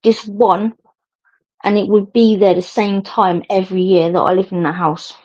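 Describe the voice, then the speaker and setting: A woman's voice: medium pitch, flat delivery, moderate pace, darkish tone. A middle-aged woman, chatting casually to viewers as a livestream host, rambling and laughing often. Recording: dull lo-fi stream audio.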